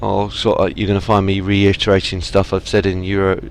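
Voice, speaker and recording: A man's voice: deep voice, completely flat delivery, a little fast, creaky, slight background noise. A man chatting casually through a trucking game, rambling and apologizing with self-deprecating asides. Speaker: gaming channel host. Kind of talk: casual let's-play commentary. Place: home gaming setup.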